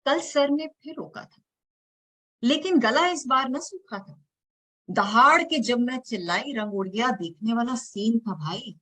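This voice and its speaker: A woman performing her own spoken word poem over a video call, taking her time with every phrase. Her voice is bright and forceful, and she swings from hushed lines to loud, ringing ones. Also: fairly high pitch, expressive, unhurried, slightly rough, poor audio. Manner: dramatic, with big swings between soft and loud lines. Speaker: poet. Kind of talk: spoken word poetry recital. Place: home, online event.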